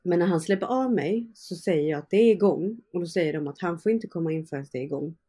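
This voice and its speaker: A woman's voice: fairly low pitch, lively intonation, warm tone, breathy edge. A young woman, an interview guest, casually recounting personal events with fillers and quoted dialogue. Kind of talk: personal storytelling in conversation.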